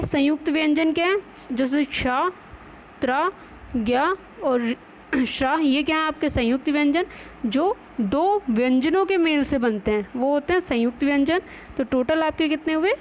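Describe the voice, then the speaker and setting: A woman teaching a Hindi grammar lesson, who asks questions and answers them herself and mixes in English words. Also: high-pitched. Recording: dull lo-fi recording with faint noise.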